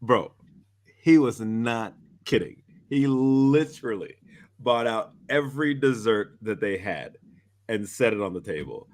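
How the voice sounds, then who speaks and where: A man's voice: fairly low pitch, expressive, measured pace. A man co-hosting a casual chat, telling stories and laughing often as he talks. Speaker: co-host.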